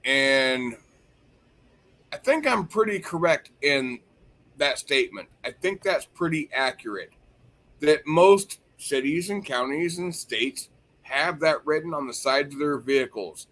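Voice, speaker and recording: A man hosts a casual livestream in a voice that sits somewhat high. He rambles, swears freely and grows heated while making his point. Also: animated, unhurried, a bit bright. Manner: profane, rambling, heated when ranting. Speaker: stream host.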